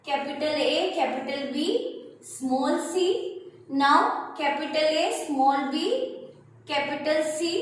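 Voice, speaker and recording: High-voiced woman teacher in an echoey classroom. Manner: asks questions and answers them herself, calls students "beta". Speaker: biology teacher. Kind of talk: classroom lecture. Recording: echoey room, distant mic, faint noise.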